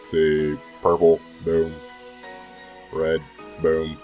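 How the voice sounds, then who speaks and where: Deep-voiced young man, stuffy-nosed with a cold. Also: completely flat delivery, very slow, warm tone, faint music behind. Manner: laid-back, profane, hesitant rambling. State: sick with a cold. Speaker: gaming vlogger. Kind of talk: casual rambling vlog.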